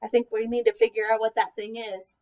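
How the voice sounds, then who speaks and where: A teacher with a high voice reads a picture book to young children, questioning her listeners as she goes. Her delivery is expressive and deliberate, pitched for little ones, and she's captured from a distance.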